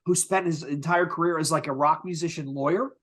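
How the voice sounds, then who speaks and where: A man's voice: a little high, steady tone, fairly quick, fairly bright tone. A man co-hosting a podcast, chatting casually and enthusiastically about music. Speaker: podcast co-host. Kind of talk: casual chat.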